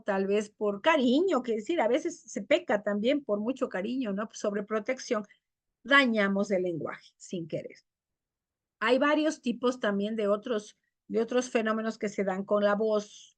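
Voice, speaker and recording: A woman teacher giving a classroom lecture on diction, explaining terms and acting out examples in higher voices. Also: no room sound.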